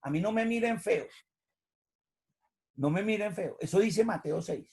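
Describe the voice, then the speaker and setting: Male pastor, high voice, husky, gravelly, theatrical sermon. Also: a little slow. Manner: animated, theatrical storytelling. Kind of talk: preached sermon.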